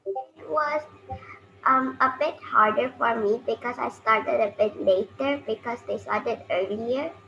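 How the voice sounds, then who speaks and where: A woman's voice: on the high side, a little slow. A nine-year-old girl, a ballet student, giving short shy answers to interview questions. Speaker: young ballet student guest. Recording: dull lo-fi call audio with faint noise.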